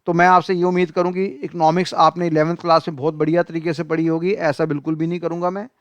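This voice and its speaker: Smooth-voiced male economics teacher. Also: fairly high pitch, level tone, fast, no room sound, lo-fi sound. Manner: addresses students as beta, acts out their excuses. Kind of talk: classroom lecture.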